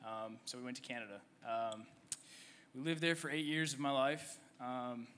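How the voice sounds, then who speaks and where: A young man in his twenties speaks on stage at a church service, his voice bright and forward. He talks haltingly, with lots of ums and restarts, and a faint room ambience sits behind him. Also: mid-range voice, slight background noise. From Egypt. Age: 20s. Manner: halting, many fillers and restarts. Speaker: church member guest. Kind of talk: conversational testimony on stage.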